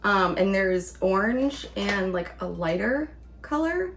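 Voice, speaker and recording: A woman's voice: medium pitch, expressive, takes it slowly. A woman chatting casually as she reviews things in a taste-test vlog. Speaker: vlog host, candy reviewer.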